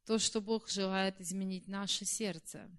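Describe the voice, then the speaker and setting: A woman interprets a sermon consecutively, repeating each phrase right after the preacher speaks it. Her voice is of middle pitch. She keeps close pace with the speaker and sometimes trails off mid-word. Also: steady tone, normal speed, a bit bright. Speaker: church interpreter.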